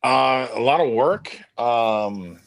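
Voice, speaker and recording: A man co-hosting a casual podcast, speaking haltingly with wry, deadpan asides. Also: mid-range voice, no room sound. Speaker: podcast co-host. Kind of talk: casual chat.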